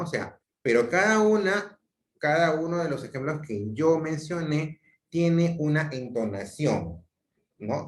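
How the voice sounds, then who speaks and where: A man's voice: mid-range voice, reverberant. A male teacher explaining grammar in an online class, full of self-corrections and repeated phrases. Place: home room on a video call. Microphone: video call mic.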